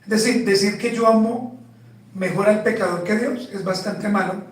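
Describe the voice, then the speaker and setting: Male pastor, high voice, slow emphatic sermon, rhetorical questions, very echoey church, off-mic. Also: recorded from a distance.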